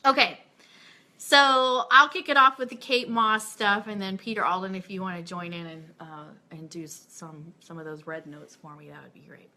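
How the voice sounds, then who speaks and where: With a fairly low voice at normal speed, a female host runs a relaxed live radio program. She's chatty, excitable and gushing, alternating between chat and news.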